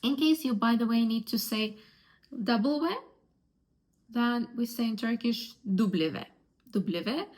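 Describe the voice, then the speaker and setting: Woman, slow pace, higher pitch, patient lesson delivery, repeats words aloud. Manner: patient, spells out sounds slowly and repeats words. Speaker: Turkish teacher. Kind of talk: language lesson.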